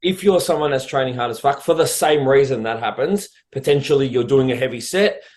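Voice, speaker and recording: A man's voice: medium pitch, fairly quick, darkish tone. A man hosting a coaching podcast, talking casually and bluntly, swearing now and then. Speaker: prep coach podcast host.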